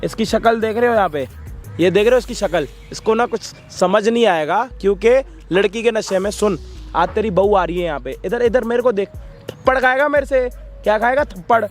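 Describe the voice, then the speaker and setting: A man's voice: high voice, brisk, faint music behind. A man hosting a social video, preachy and scolding. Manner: preachy, scolding, addresses viewers as brothers. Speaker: prank and social video host. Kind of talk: emotional street-video presenting.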